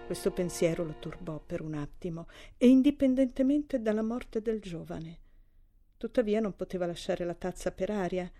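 Calm, low-voiced woman narrating a story. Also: normal speed, faint music behind. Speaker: audiobook narrator. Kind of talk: literary audiobook narration.

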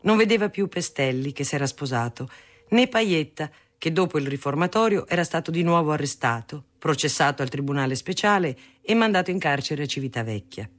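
A reader narrating a family memoir aloud in a measured storytelling manner. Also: medium pitch, lively intonation. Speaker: audiobook reader. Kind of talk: reading a memoir novel aloud.

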